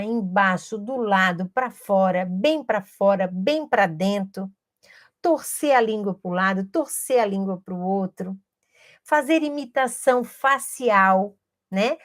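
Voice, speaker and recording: A woman's voice: medium pitch, takes it slowly. A woman educator, patiently explaining a teaching method to camera and modelling speech sounds aloud.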